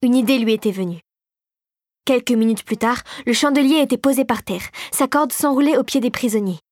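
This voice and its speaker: A woman narrates a children's adventure book at a measured, expressive pace. Her voice is fairly high and recorded close and dry, with no room echo. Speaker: storyteller. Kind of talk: audiobook narration.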